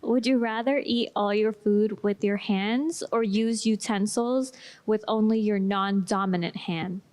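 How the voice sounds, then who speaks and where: A woman on a podcast reading out would-you-rather questions in a light, quick, casual way. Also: mid-range voice, fairly even intonation, darkish tone. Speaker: podcast host asking questions. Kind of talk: casual chat.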